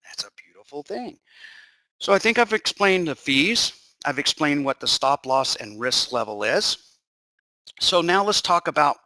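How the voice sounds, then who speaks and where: Eager older man pitching. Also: pushed and bright, no echo. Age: 50s or 60s. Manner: enthusiastic salesy pitch, casual fillers. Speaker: webinar presenter. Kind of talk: sales webinar presentation.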